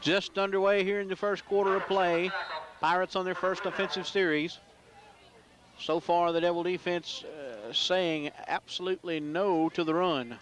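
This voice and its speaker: A man calling high school football play-by-play, building up loudly on big plays. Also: normal speed, crowd noise. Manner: excitable in big plays, rising loud. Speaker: play-by-play announcer.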